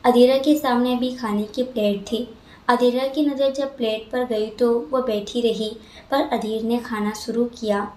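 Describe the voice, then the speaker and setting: Woman storyteller with a higher voice. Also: steady tone, unhurried, a little mellow, slight background noise. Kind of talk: storybook narration. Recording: roomy echo.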